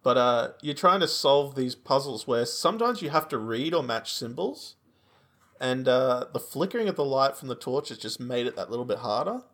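An Australian man with a noticeably creaky, mid-pitched voice co-hosts a podcast. He chats casually, telling anecdotes in a conversational way. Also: expressive, moderate pace, fairly bright tone. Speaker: podcast co-host.

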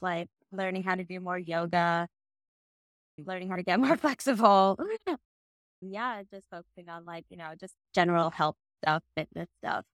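A young woman from Bangladesh chats as a podcast guest, upbeat and loose, often reaching for "like" and "you know". Her voice sits a little low, recorded close and dry with no room sound. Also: gravelly, a bit bright, no room sound. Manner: chatty, upbeat, many "like" and "you know" fillers, light laughs. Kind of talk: casual podcast interview.

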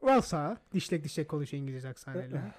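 A man chats on a casual podcast in a high, bright-pitched voice. He talks quickly and animatedly, teasing his friend and cutting in often. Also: animated. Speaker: podcast co-host. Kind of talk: casual chat.

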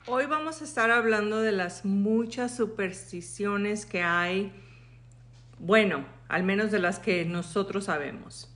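A Mexican woman co-hosts a podcast in a casual, animated way, laughing often and moving back and forth between English and Spanish. Her voice is mid-range and fairly bright, at a normal pace.

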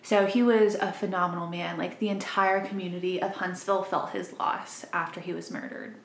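A woman's voice: fairly low pitch, steady tone, fairly quick. A woman in her twenties from Arkansas, co-hosting a true crime podcast in casual, chatty talk and laughing easily. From Arkansas, grew up in Missouri. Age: 20s. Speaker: podcast co-host. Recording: roomy echo.

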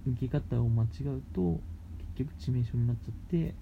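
Gravelly man explaining in muffled audio. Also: medium pitch. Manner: halting, phrase-by-phrase explaining with hedges. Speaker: radio show host explaining shogi. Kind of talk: casual explanatory talk. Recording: muffled lo-fi with faint background noise.

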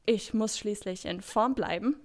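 A woman voicing a cheerful, energetic girl hero and big sister in a children's audio drama. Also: medium pitch, unhurried, lightly acted. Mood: puzzled. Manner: bubbly, upbeat, sisterly.

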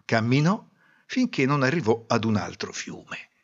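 A man narrating a folk tale in a lively, theatrical way. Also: mid-range voice, a little slow, breathy edge. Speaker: storyteller. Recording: dull lo-fi recording.

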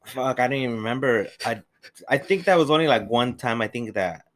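A man's voice: medium pitch, a little fast, fairly bright tone. A young man telling crude stories in a laid-back, casual chat as a podcast guest. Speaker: podcast guest, host's brother.

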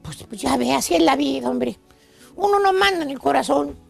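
A man's voice: very high voice, animated, moderate pace, gravelly, music in the background, pitched below the performer's own voice, full character voice. A man putting on a mournful trucker. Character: sad middle-aged male truck driver.

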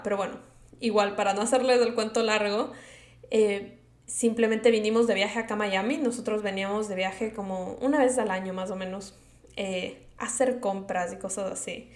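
Recorded in an echoey room, this podcast host is a twenty-something Ecuadorian woman speaking with an Ecuadorian Spanish accent in a medium-pitched, steady, slightly mellow voice at normal speed. Her personal monologue is casual, chatty and rambling, with English words mixed in.

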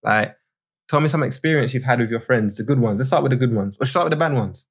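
A man's voice: mid-range voice, fast talker, breathy edge. A man with a London roadman accent and street slang, hosting a casual podcast chat. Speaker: podcast host.

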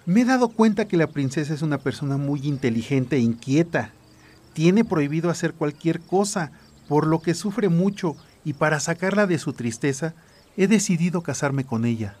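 A man's voice: fairly high pitch, expressive, normal speed, a little mellow. A man playing an earnest, confident young prince in a children's audio story. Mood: earnest, firm.

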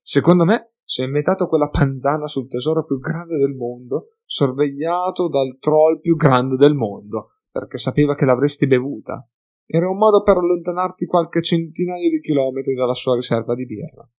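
A man's voice: a little high, normal speed, darkish tone, voice pushed up, close to an everyday voice. A man reading an audiobook, voicing a wry young male adventurer who talks persuasively and with mild exasperation.

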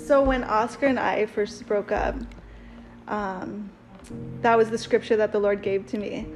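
A woman's voice: medium pitch, steady tone, a little slow, music in the background, poor audio. A woman co-hosting a casual talk, sharing a personal testimony in an earnest, rambling way with fillers. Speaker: podcast co-host.

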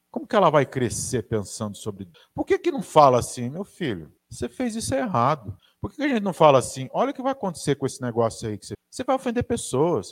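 A man with a Brazilian Portuguese accent, preaching a conversational sermon with asides to the audience. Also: a little high.

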